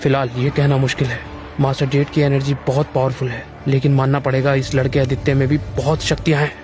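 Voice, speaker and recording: A man's voice: medium pitch, little pitch movement, fast talker, over music, close to an everyday voice. An actor playing an earnest, worried middle-aged father in a dubbed fantasy drama. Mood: awed. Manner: earnest, cautionary.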